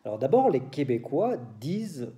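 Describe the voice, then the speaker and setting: A man from France with a French accent, teaching a French lesson to Spanish speakers in a slow, explanatory way and switching between French and Spanish. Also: fairly high pitch, sing-song, mellow.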